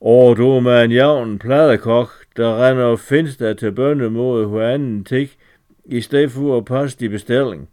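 A sharp-tongued farm wife who scolds and teases her neighbours. The voice stays clear and smooth, in an everyday register, read by a man telling the story. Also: medium pitch, lightly acted. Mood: scolding. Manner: scolding, teasing.

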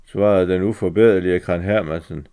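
A man narrating a story in a steady, low-key manner. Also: clean tone. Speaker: reader. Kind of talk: story reading.

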